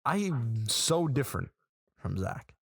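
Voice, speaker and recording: A man in his twenties with a mid-range, slightly rough voice and vocal fry speaks a little slowly in a dry recording. Co-hosting a podcast from a small room, he tells animated stories in casual chat and acts out quoted reactions.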